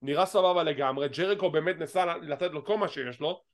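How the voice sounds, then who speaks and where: A man with a high, light voice, co-hosting a wrestling chat show. He talks in an animated, teasing way and drops English phrases in along the way. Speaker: wrestling podcast co-host. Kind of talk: casual chat.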